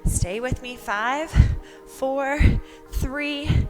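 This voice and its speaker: A woman's voice: high voice, drawn-out words, soft background music. A woman leading a workout as instructor, encouraging and counting down cues while exercising along. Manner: exerting herself while talking, exercising along.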